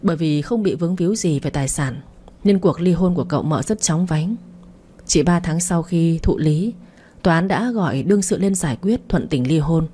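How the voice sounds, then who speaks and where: Low, husky woman reading a novel. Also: normal speed, warm tone. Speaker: story narrator. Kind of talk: scripted narration of a novel. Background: faint music.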